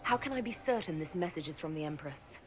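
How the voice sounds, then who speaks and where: A woman's voice: sits low, expressive, quick pace, faint music behind. An actress playing a composed, diplomatic lady inquisitor in a fantasy game, polite and self-possessed.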